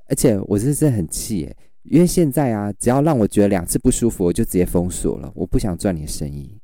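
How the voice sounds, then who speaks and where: A man's voice: lowish voice, a little fast, no echo, studio quality. A man, a livestream seller telling stories in casual chat and acting out his customers. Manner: animated storyteller, acts out customers.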